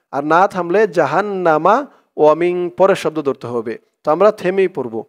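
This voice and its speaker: A man teaching a prayer by spelling its Arabic letter by letter and chanting each word slowly for viewers to repeat. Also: high voice, a little mellow. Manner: addresses viewers directly, asks them to repeat. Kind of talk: recitation lesson.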